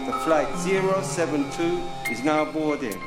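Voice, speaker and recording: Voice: medium pitch, unhurried. A voice making a formal airport boarding announcement over the intercom, in an announcer's cadence, as the spoken intro to a song. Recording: echoey with loud African music behind. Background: loud African music.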